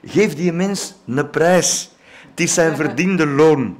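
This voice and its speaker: A man's voice: a little high, slow. A man with a Flemish accent giving a playful speech and reading a comic poem at an award ceremony, with theatrical delivery. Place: event hall.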